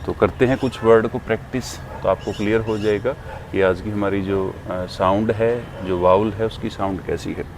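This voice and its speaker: A man teaching English pronunciation in a spoken lesson, patiently repeating each drill word several times and asking whether it is clear. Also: on the low side, steady tone, normal speed, background noise. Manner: asks "clear?" after each point.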